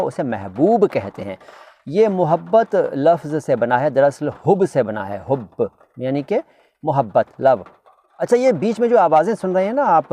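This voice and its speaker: A man's voice: mid-range voice, a little mellow. A man teaching vocabulary in a chatty lesson, talking straight to his listeners and repeating each word to drill its pronunciation. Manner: chatty, addresses listeners directly with asides. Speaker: language teacher.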